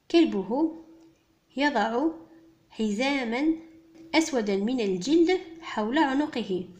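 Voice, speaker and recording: A woman gives a primary school French lesson in a fairly high voice. She reads slowly, pronounces each sound with care and spells words out letter by letter. Between lines she rushes through quick translations for the children. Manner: slow, clearly spelled-out teaching, switching to quick translations. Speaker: French teacher.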